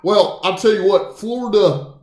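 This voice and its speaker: A man co-hosting a sports podcast, animated, with mock-announcer asides in casual chat. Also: high voice, moderate pace, a little hiss or hum. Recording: roomy echo.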